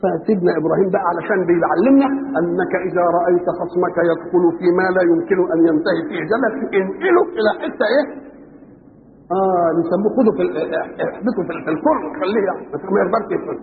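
A man's voice: sits high, lively intonation, rapid-fire. A man with an Egyptian Arabic accent preaching a sermon that explains scripture. He keeps asking his listeners rhetorical fill-in questions. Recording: old radio broadcast, tinny band, hall reverb, faint hiss.

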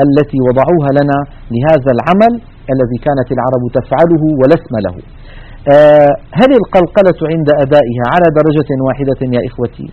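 Male tajweed teacher, quick and methodical, slightly high voice, lo-fi sound. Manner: methodical, explains with spoken examples. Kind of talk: recorded lecture with slides.

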